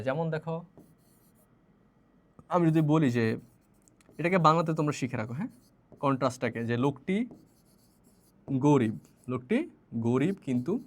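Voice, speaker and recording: A young male teacher with a Bangladeshi accent gives a lecture. His voice sits a little high, and he walks through each point step by step, repeating key terms and checking in with the class.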